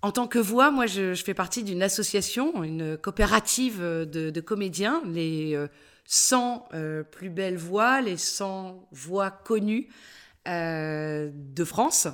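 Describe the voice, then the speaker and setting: A middle-aged woman with a Parisian accent speaks as a voice coach in a relaxed interview. Her pitch sits a little low, and she talks in an animated way, pausing often on fillers as she thinks aloud. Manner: animated, many hesitations and fillers. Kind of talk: casual interview talk.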